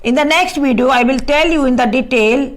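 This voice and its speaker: A woman teacher with a slightly high voice walks through a grammar lesson at an unhurried pace. She reads each English example slowly and deliberately, then explains quickly in Hindi.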